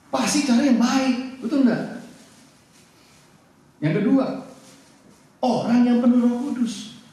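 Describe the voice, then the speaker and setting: A man preaching a sermon as pastor, animated and joking with his congregation. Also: sits high, distant mic. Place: church hall. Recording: echoey church hall, mic off. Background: congregation responding.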